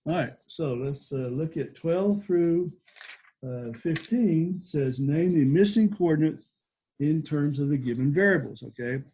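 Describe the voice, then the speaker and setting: A man's voice: a little high, expressive, unhurried, warm tone, slight background noise, low-quality recording. A man teaching a recorded lesson in an informal, explanatory way, often checking in with short tags like okay and all right. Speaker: geometry teacher.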